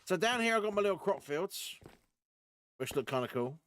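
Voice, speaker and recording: Lively chatty man gaming. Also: high-pitched, moderate pace. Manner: chatty, rambling, talks to himself and teammates. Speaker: gaming streamer. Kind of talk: casual gameplay commentary.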